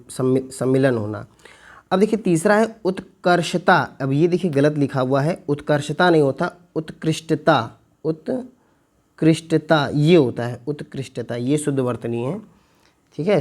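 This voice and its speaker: A male teacher working through an exam paper, repeating words slowly to spell them out and asking his viewers questions. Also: a little high, a little mellow. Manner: slow, stretched repetition of words to spell them out; addresses viewers as friends, asks them questions. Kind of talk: exam paper walkthrough lesson.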